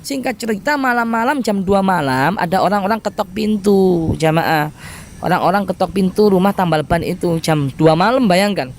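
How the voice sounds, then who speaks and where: Animated male preacher. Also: sits high, normal speed, slight background noise. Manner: animated storyteller who addresses the congregation. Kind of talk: storytelling sermon.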